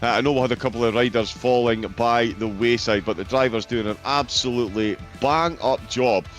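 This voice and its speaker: A man's voice: medium pitch, brisk, soft background music. Upbeat race commentator man. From Britain. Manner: enthusiastic, laughing, upbeat. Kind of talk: sim racing commentary.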